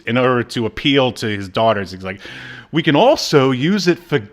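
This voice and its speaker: A podcast co-host recaps a TV episode casually in a very animated, mid-range voice at normal speed. He rambles with lots of ums and uhs and acts out characters' lines in quotes.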